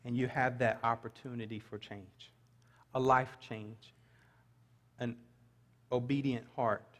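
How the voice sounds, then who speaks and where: A man's voice: medium pitch, flat delivery, slow pace. Middle-aged man, pastor preaching, earnest, scripture reading, long church reverb. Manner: earnest preaching, reads scripture aloud, light asides. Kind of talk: sermon. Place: large church sanctuary stage. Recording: long reverb of a large hall.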